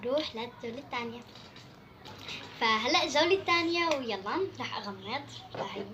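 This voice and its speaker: A woman's voice: fairly high pitch, expressive, brisk, heavy background noise. A young woman with a Levantine Arabic accent hosting a casual challenge vlog, commenting as she goes. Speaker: vlog host. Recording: loud music over the voice.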